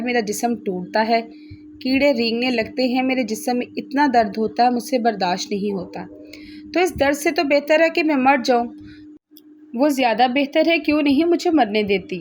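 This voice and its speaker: A woman's voice: on the high side, moderate pace, slight background noise, close to an everyday voice. Woman doing a desperate, pleading man. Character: grown man pleading in despair for drugs.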